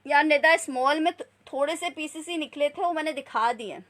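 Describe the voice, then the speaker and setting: A woman hosts a live shopping stream. Her voice is high and bright, with a forward edge. She repeats details in a steady sales patter and breaks off to chat casually with viewers. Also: a little fast. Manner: repetitive selling patter, repeating prices and sizes. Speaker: live online clothing seller.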